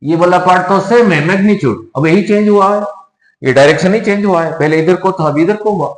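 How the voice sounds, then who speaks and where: A man's voice: high-pitched, brisk, roomy sound, poor audio. A male physics teacher with an Indian accent, explaining step by step and repeating key words, mixing Hindi with English terms. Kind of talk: whiteboard lecture.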